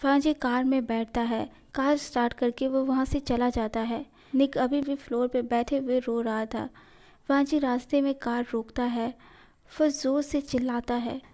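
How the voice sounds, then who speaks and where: A woman reading a fan fiction story aloud, narrating it at a steady, even pace. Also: high voice, a little slow. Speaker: story reader.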